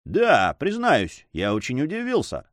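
Ironic young nobleman, voiced by a male narrator, bantering and lively, storybook hero. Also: a little high, measured pace, no echo, clean studio sound. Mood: teasing. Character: teasing, carefree young nobleman, Don Sancho.

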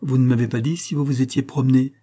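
A man voicing a gentle bedridden lady who speaks quietly and calmly in a storybook reading. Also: medium pitch, fast, close to an everyday voice. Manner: quiet, tranquil questioning. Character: gentle invalid lady, calm and kindly.

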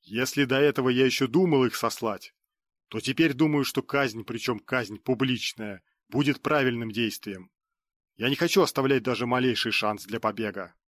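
A man's voice: mid-range voice, dry recording, lightly acted. A man voicing a weary, grave emperor. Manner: heavy, deliberate delivery. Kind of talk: audiobook character reading.

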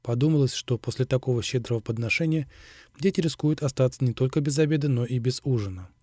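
A man narrating an audiobook in a steady, even reading. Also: mid-range voice, fast, dry recording, studio quality. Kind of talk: scripted narration.

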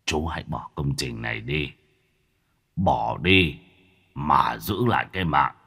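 A man's voice: very deep voice, lively intonation, slow, gravelly, pushed and bright, breathy edge, pitched below the performer's own voice, full character voice. A man voicing an older male fortune-teller in a ghost story, giving a grave warning. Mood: ominous.

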